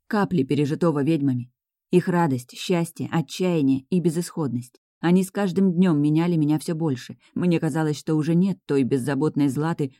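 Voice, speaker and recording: Low, mellow female audiobook narrator, dry close sound, first-person storytelling. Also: no echo.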